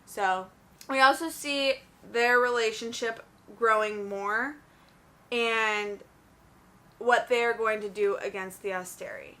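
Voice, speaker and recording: A woman's voice: on the high side, steady tone, slow pace, bright, forceful tone. A young woman chatting casually about books in a review vlog, gushing and full of "like"s. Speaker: book reviewer.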